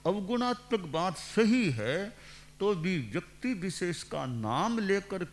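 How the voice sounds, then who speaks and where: Man in his sixties, monk, unhurried sermon, raised pitch, repeats phrases. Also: big pitch swings. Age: 60s. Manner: measured and didactic, repeats phrases for emphasis. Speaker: monk giving a discourse. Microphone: speaking into a microphone.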